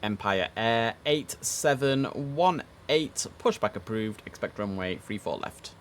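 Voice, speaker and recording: A man with a fairly low, expressive voice takes his time, offering laid-back live-stream commentary as he plays air traffic controller. Half talking to himself, he slips into clipped controller phraseology.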